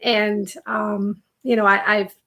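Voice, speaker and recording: A woman's voice: mid-range voice, level tone, slow, fairly bright tone. A woman tarot reader talking casually on a live stream, with her voice slightly giving out.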